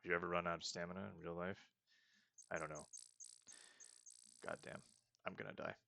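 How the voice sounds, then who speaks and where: His voice is low-pitched and gravelly, pushed and bright, fairly quick and fairly even in intonation. A young let's-play host, he comments casually on a roleplaying game while playing, thinking aloud and making fun of his own mistakes.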